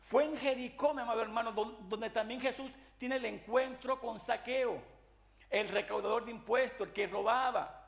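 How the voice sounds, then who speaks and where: High-voiced man preaching earnestly. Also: normal speed, creaky. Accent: Latin American Spanish. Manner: earnest preaching with frequent restarts and repeated "mi amado hermano". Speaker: pastor. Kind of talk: sermon.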